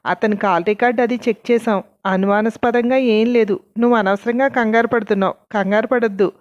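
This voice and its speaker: A woman's voice: on the high side, steady tone, brisk, muffled recording, close to an everyday voice. A woman voicing a reassuring, businesslike woman police officer who speaks in a matter-of-fact way.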